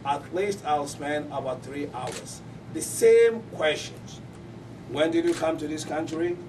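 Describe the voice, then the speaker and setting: A man recounts his experiences at a press conference, repeating words as he searches for them. His voice is a little higher than usual for a man. The microphone sits far from him and clear room noise comes through. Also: a little slow. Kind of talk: personal testimony at a press conference.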